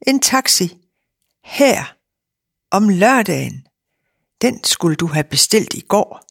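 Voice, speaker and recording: A woman's voice: lowish voice, lively intonation, gravelly, fairly bright tone, slightly rough, no room sound, clean studio sound, full character voice. A woman putting on a bossy, chatty farm wife. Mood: amused. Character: big, brisk middle-aged farm wife.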